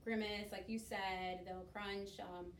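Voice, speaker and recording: This young woman from Miami, United States, speaks slowly and flatly at a medium pitch while leading a class presentation conversation, hesitating and using many fillers. The setting is a skills lab room, heard through a distant mic with roomy echo and faint noise.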